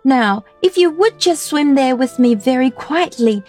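A woman's voice: high-pitched, animated, a little slow, a little mellow, soft background music, pitched above the performer's own voice. A woman voicing a playful, willful young princess in a storybook reading, with a lilting delivery.

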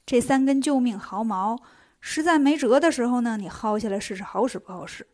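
Lady doing a bossy goddess, teasing, sometimes hushed, storybook telling. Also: a little high, a little fast, natural voice. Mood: coaxing. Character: scolding, worldly female bodhisattva.

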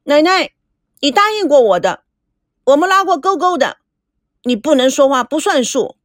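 A woman's voice: a little high, sing-song, normal speed, dry recording, clean studio sound. A woman reading aloud and voicing a willful, headstrong teenage girl who insists and pouts. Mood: wilful, pleading. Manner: insistent, pouting, sharp outbursts.

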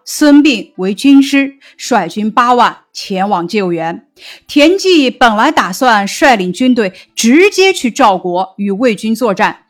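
Woman teacher reading a lesson aloud. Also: fairly high pitch.

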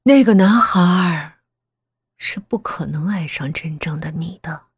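A soft, chilling mother figure, as a woman puts her on for an audio horror story. She speaks slowly and evenly in a low, breathy half-whisper. The sound is close and dry. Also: dry recording, full character voice. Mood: cold calm. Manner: flat, calm, half-whispered. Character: calm, sinister middle-aged mother who speaks softly.

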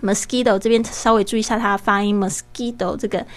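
Podcast host, female; patient step-by-step English teacher who slows down to demo pronunciation. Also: mid-range voice, fairly even intonation.

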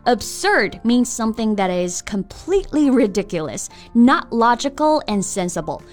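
A woman with a high, very animated voice co-hosts a casual English lesson. She laughs easily and acts out example lines, with soft music in the background. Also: moderate pace. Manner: lively, laughs often, acts out example tones. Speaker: co-host of an English lesson podcast. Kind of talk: casual bilingual teaching chat.

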